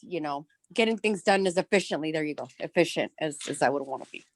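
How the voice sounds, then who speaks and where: Lowish woman on a team call, dry close sound, kinda searching for words. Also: animated, fast, no room sound. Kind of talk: casual group meeting chat.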